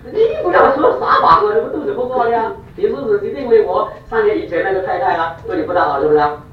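A man voicing a polite American missionary teacher who talks in a low, gentle, apologetic way, in an echoey, distant, dull recording. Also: fast, slight background noise, close to an everyday voice. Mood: friendly.

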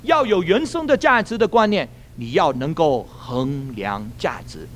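A male pastor preaches with a somewhat high voice that leaps up and down as he tells his story. He is animated and laughs at his own jokes. A faint noise sits under his words. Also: unhurried. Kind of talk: sermon with a retold story.

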